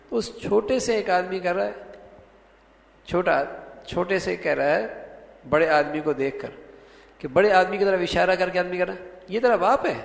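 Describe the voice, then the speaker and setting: Male religious lecturer, slightly high voice, demonstrative delivery, roomy reverberant recording. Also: vocal fry. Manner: acts out tones of voice to illustrate meaning. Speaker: religious scholar. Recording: echoey hall with long reverb.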